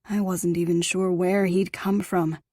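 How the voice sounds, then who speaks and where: A woman's voice: fairly low pitch, flat delivery, unhurried, warm tone, no echo, studio quality. A woman narrating a first-person romance audiobook in an intimate, emotional reading.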